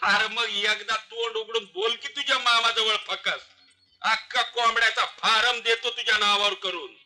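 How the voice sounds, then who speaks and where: Loud village uncle, high bright voice, music faint behind. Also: male voice, steady tone, moderate pace. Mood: scolding. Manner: loud, scolding, rustic. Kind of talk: 1970s film acting.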